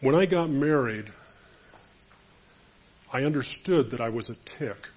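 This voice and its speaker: A man gives an emphatic sermon to men, weaving in stories. His voice is husky and mid-pitched. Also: animated, measured pace, a little mellow. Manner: emphatic, storytelling. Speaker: speaker to men.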